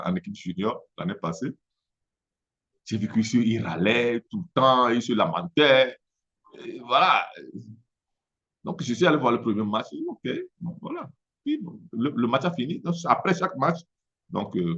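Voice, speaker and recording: Speaking French with an accent that leans Italian, a Mina-speaking coach from Togo stumbles through a motivational talk, repeating himself as he gropes for words. The voice is fairly low and a bit bright, with the upper frequencies clipped.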